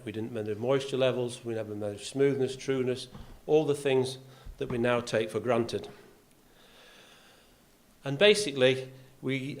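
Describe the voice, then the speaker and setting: An older man from Yorkshire, England, with a faint accent and a mid-range voice, speaks to an audience in a clubhouse function room. As the golf club's vice captain, he leans on dry self-deprecating humour and frequently says "uh."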